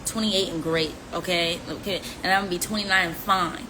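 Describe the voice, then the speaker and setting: A woman in her twenties with a voice on the low side keeps a steady tone at normal speed. She teases and chats casually while answering fans' questions on a live stream, adding playful rhymes; the phone audio carries background noise.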